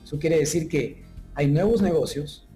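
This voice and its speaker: A mellow, warm-toned man in his thirties, originally from Ecuador, talks at length about his business in an interview. He speaks fluently but fills his sentences with hesitations and restarts. Faint music plays softly behind him. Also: a little high. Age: 30s. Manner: fluent, many filler pauses and restarts. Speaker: tech startup founder, guest.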